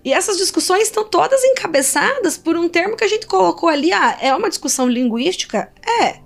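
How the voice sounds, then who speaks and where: A woman with a Brazilian Portuguese accent, a linguist answering interview questions in an animated way, posing rhetorical questions with many fillers. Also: very high voice, a little fast, vocal fry, faint music behind. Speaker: linguist guest.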